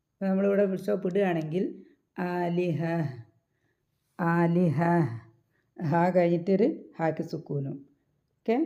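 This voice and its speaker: A woman teaching recitation rules step by step. She asks her own questions, answers them, and slows down to chant the example words. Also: fairly low pitch, mellow, lo-fi sound.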